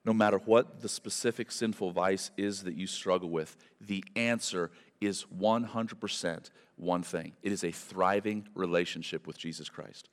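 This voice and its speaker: A man's voice: low-pitched, normal speed, hardly any pauses. A man preaching a sermon at a pulpit microphone, emphatic, with repeated phrases and rhetorical questions. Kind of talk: sermon to a congregation. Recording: reverberant hall.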